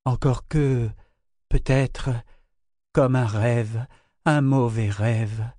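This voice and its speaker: A man voicing a regretful, forgetful male serpent who speaks softly and hesitantly in a storybook reading. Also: mid-range voice, fairly even intonation, very slow, no room sound, studio quality. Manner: soft, hesitant.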